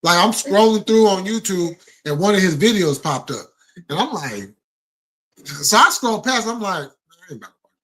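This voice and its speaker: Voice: mid-range voice, expressive, normal speed, a bit bright, husky, rough recording. A live stream host chatting casually with viewers in informal, slangy speech peppered with swearing.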